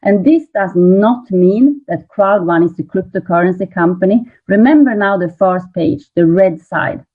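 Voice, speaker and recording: A woman speaks in a measured, explanatory way during an online business presentation. Her voice is mid-pitched. It comes through thin and narrow, like a phone line. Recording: tinny phone-like call audio.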